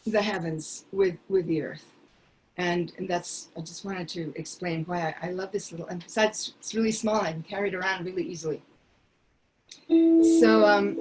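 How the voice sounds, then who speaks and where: An older woman from Peru, a singer, talking earnestly and reflectively from her living room on a video call, pausing often. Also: mid-range voice, slight background noise, poor audio. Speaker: singer sharing a song. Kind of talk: casual video call chat. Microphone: headset mic on video call.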